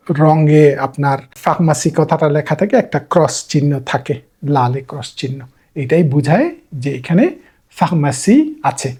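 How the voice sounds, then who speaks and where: Slow, patient, husky male language teacher. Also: on the high side, mellow. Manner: slow, patient, repeats each word and checks with "hmm?". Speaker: French teacher. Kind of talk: beginner language lesson.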